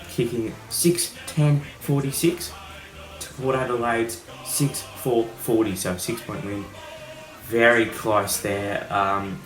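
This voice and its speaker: An Australian man co-hosting a sports podcast, chatting casually with slangy, blokey enthusiasm. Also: fairly low pitch. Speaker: podcast co-host. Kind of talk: casual sports chat between mates. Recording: roomy echo, faint music.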